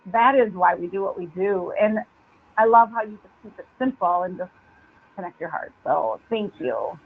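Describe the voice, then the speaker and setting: A woman's voice: mid-range voice, moderate pace, slight background noise. Tinny phone-line woman leading a team call. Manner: earnest, blunt, upbeat urging. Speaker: team leader hosting a meeting call. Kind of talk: encouraging team talk.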